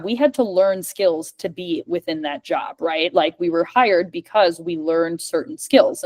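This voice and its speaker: A woman whose voice is on the low side with a darkish tone answers questions in a casual video-call conversation. She's a speech-language pathologist and communication coach, chatty and leaning heavily on "like."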